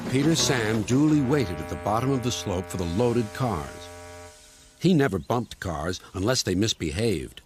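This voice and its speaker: A man narrating a children's train story and acting out the characters' shouts. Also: fairly low pitch, normal speed. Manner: very animated, acts out the characters' cries. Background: music.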